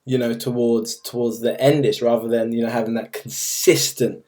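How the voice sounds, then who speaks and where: A man's voice: medium pitch, level tone, normal speed, darkish tone, pitched below the performer's own voice, lightly acted. A young man quoting his blunt, demanding male history teacher in a lecturing tone.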